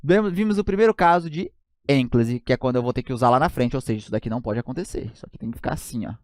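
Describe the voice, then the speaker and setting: A man's voice: mid-range voice, rapid-fire, darkish tone, no room sound, studio quality. A man with a Brazilian Portuguese accent teaching an online grammar lesson, joking and often checking in with his students.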